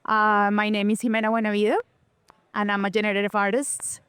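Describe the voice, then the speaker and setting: A woman's voice: mid-range voice, little pitch movement, brisk, a bit bright, clear, resonant tone, no room sound. A woman in her thirties from Colombia, an artist guest talking enthusiastically in a casual interview.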